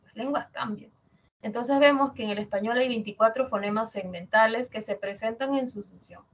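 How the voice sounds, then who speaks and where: A woman's voice: fairly high pitch, normal speed, lo-fi sound, slight background noise. A woman teaching a language lesson, explaining patiently and checking in with her students as she goes. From Peru. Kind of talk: online class lecture.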